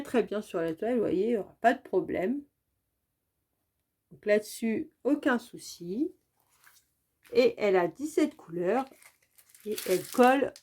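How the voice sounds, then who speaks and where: Hosting her channel, a woman from France with a fairly high, somewhat mellow voice chats through a craft unboxing. Her talk is casual and repetitive, packed with fillers like frequent "donc" and "très, très."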